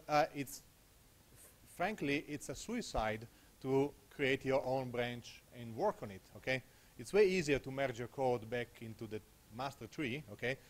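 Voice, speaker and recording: This conference speaker is an Italian man in his thirties with a mid-range voice, working a handheld mic in a small room. He delivers a technical talk conversationally and casually. He regularly punctuates points with "okay?"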